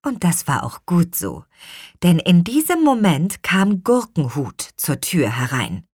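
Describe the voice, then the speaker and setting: A woman reading a children's audiobook in an expressive, unhurried way. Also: on the low side, breathy edge, dry recording, studio quality. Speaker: audiobook reader. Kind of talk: scripted children's story narration.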